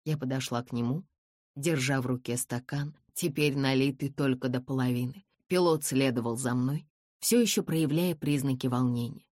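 A calm audiobook narrator telling a classic novel in the first person, with a measured, even delivery. The voice sits at a middle pitch. It is recorded dry and close, with no room sound. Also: no room sound. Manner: calm, measured storytelling, softer in the heroine's replies.

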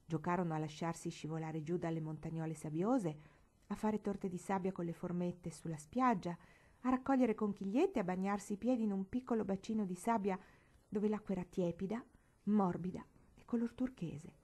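A woman narrating a classic novel as an audiobook reader, in a measured, expressive reading. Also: on the low side.

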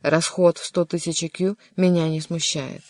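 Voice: medium pitch, flat delivery, normal speed, no room sound, close to an everyday voice. A reader voicing a kindly but insistent older king in an audiobook, coaxing and at times vexed. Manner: warm, coaxing, sometimes vexed. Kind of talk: audiobook character reading.

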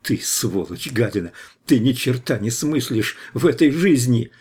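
A man's voice: mid-range voice, animated, a little slow, darkish tone, husky. A man reading an audiobook voices a furious, spiteful young woman captive who hurls insults. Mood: shrieking. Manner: shrieking, venomous insults.

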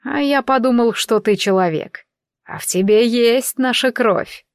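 A woman voicing a slow-spoken, mocking male prince of time travelers in an audiobook. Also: fairly high pitch, dry recording, studio quality, pitched above the performer's own voice. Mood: wry. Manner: slow, drawn-out, teasing.

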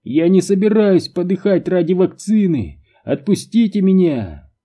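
A man voicing a hysterical male scientist who shouts in terror, in an audiobook reading. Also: very animated, measured pace, full character voice. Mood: panicked. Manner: shrill frantic shouting.

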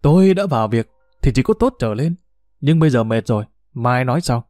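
A man's voice: mid-range voice, animated, fairly quick, a little mellow, no echo, clean studio sound, natural voice. A man voicing a proud, teasing old retired official who talks in a boastful, bureaucratic way. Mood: smug.

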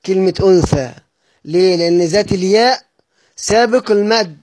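A man's voice: high voice, darkish tone, no echo. Egyptian man teaching Quran recitation rules. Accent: Egyptian Arabic. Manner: asks and answers his own questions; chants verses slowly in a drawn-out melodic recitation. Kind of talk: explaining recitation rules with chanted examples.

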